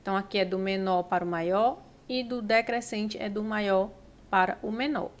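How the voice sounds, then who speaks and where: A woman's voice: medium pitch, steady tone, moderate pace. A woman with a Brazilian accent teaching Portuguese grammar for exam prep, explaining step by step and checking in often with the listener. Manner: explanatory, frequent "né?" and "ó" check-ins.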